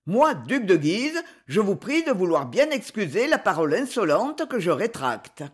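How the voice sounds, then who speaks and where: Raspy male knight, proud and vehement, storybook reading, voiced by the narrator, lively pitch. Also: normal speed. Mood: stern. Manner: solemn, grave, vehement. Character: proud adventurer knight, fierce and wounded in honor.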